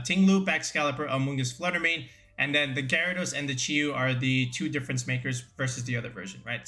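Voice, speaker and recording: Bright, upbeat man breaking down games. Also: a little high. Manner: energetic, filler-heavy, keeps saying "right?". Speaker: competitive Pokemon content creator. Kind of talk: casual game analysis commentary.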